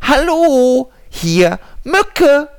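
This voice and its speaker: A man voicing a tiny, cheeky, stubborn female mosquito in a storybook with a high squeaky voice. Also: very animated, very slow, creaky, exaggerated voice. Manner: high squeaky repeated phrase.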